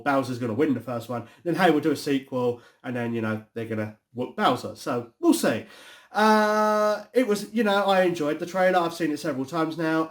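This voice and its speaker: A man from the UK, hosting a casual, rambling review chat full of fillers. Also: medium pitch. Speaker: host.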